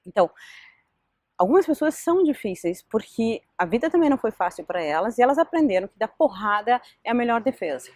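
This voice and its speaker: A middle-aged woman casually giving advice in a vlog, telling stories in an animated way. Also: a little high, brisk, dry recording, clean studio sound. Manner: lively, animated storytelling with quoted dialogue. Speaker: vlogger.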